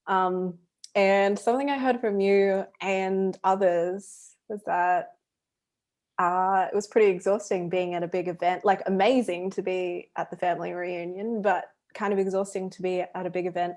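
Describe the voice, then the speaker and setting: A woman's voice: fairly low pitch, little pitch movement, normal speed, darkish tone. A woman co-hosting a podcast, talking in a casual, chatty way with fillers. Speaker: podcast co-host. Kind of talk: casual chat.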